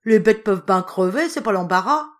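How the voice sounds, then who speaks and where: A woman playing a furious farmwife, shrill and loud, hurling rough country scolding. The voice jumps high and stays sharp with anger. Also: animated, fairly quick, lightly acted. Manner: shrill, scolding, rustic dialect.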